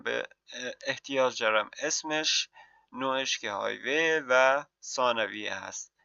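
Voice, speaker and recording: A man teaching mapping software in a screen-recorded tutorial, walking through each step and answering his own questions. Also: medium pitch, vocal fry, no echo, muffled recording. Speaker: software instructor.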